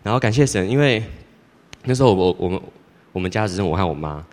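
A teenage boy giving a church testimony in a rambling, halting way, with many restarts. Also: low voice, lively intonation. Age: teens. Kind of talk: personal testimony. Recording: long hall reverb.

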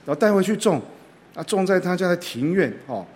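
A man preaching a sermon, telling a folksy story in a gentle way and often dropping short filler sounds between phrases. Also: sits high, lively intonation, a little fast. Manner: frequent filler particles like "ah" and "ha".

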